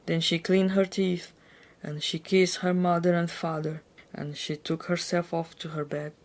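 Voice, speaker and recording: Slow, low-voiced theatrical woman storyteller. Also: little pitch movement, a little mellow. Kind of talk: dramatic reading of a children's story.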